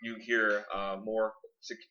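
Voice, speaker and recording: A man narrates a tabletop role-playing session as game master, his tone bright and forceful over a lowish voice. He improvises as he goes, halting and restarting. The recording sounds dull and lo-fi. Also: level tone.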